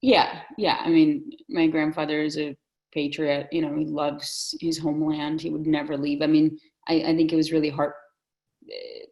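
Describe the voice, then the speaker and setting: A woman's voice: low-pitched, flat delivery, moderate pace, a little mellow, low-quality recording. A woman from the Soviet Union in a casual film discussion, talking thoughtfully and hedging her opinions. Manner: thoughtful, hedging, restarts often. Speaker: discussion guest.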